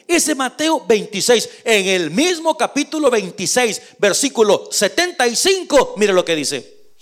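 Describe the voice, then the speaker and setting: A male preacher delivers a dramatic sermon in a high, very animated voice. He reads scripture aloud and speaks straight to his congregation. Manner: addresses the congregation directly.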